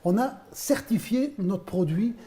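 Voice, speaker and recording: A man's voice: sits high, expressive, measured pace, dark tone. A man in his fifties, originally from Belgium, a wine producer explaining his work in an interview with frequent hesitations. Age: 50s. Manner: explanatory, storytelling with many hesitations. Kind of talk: interview answers.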